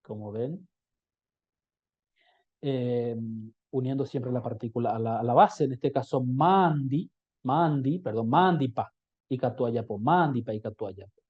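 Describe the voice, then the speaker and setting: A man teaching a recorded language lesson, explaining patiently and repeating example phrases slowly. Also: medium pitch, slightly rough. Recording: slightly dull lo-fi recording.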